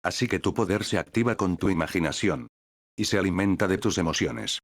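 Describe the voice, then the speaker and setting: A man's voice: sits low, fairly quick, dry recording. A man voicing an impatient, blunt old male hero mentor. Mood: gruff.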